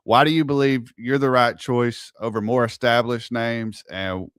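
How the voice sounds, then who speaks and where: A man's voice: medium pitch, steady tone, a little slow, a bit bright, clean tone, dry recording, clean studio sound. A man speaking as an interviewer, in an agreeable, conversational manner. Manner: agreeable, affirming.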